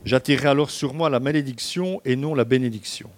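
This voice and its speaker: A man's voice: mid-range voice, fairly quick, lightly acted. A man reading aloud the lines of a young son who deceives his father, in an earnest, slightly raised voice.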